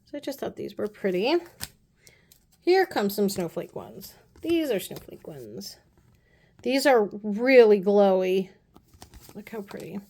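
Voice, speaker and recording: A woman casually chatting through a nail art haul, gushing and often dropping her voice to soft low asides. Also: sing-song, takes it slowly, pauses often. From United States. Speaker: beauty vlogger. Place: apartment room.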